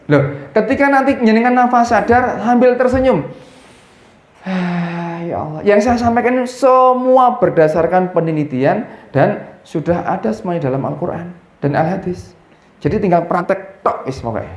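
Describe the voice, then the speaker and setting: A middle-aged man, giving an animated religious talk to a gathering and mixing in words. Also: on the high side, roomy sound. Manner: animated, mixing in Javanese words, acting out prayers. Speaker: preacher.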